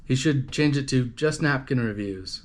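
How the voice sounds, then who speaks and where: A man's voice: mid-range voice, normal speed. Rambling, foul-mouthed man chatting on a livestream. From Canada. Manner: rambling, profane, many fillers and restarts. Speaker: livestream host. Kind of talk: casual livestream chat. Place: home livestream setup.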